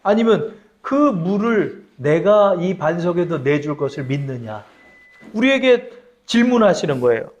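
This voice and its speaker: A man's voice: sits high, a little mellow. A man preaching a sermon as pastor, asking the congregation questions and acting out the voices of people he quotes.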